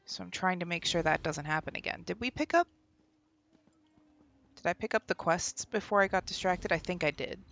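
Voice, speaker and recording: A young woman streams a game from home, chatting casually, laughing and often trailing off mid-sentence. Her lowish, gravelly voice is fairly bright and moves at normal speed, picked up by a desk microphone while she wears headphones.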